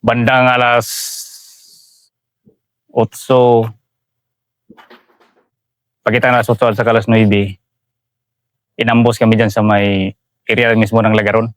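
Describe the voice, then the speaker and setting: Soldier telling a war story, saying "sir" constantly. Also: male voice, fairly low pitch, little pitch movement, unhurried, long pauses, clean tone, dry recording, studio quality. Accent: Filipino. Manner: respectful, says "sir" after nearly every phrase. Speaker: soldier recounting combat. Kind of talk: interview storytelling.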